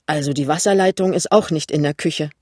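Ein Mann liest einen verlegenen, hastigen jungen Ehemann in einem Hörbuch. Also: male voice, on the high side, a little mellow, no room sound, studio quality, close to an everyday voice. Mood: flustered. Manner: hurried, embarrassed. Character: flustered young husband, shy and hasty. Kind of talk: audiobook reading.

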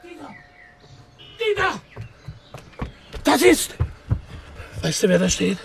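A gruff, gravelly balcony owner. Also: male voice, very high-pitched, very animated, slow, slight background noise, exaggerated voice. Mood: agitated. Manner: gruff, possessive, bossy. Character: stubborn male balcony owner spinning tall tales. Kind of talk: radio drama acting.

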